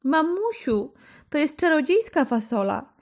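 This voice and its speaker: A woman voicing an eager, hopeful young boy in a children's storybook reading. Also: a little slow. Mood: excited. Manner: high, excited.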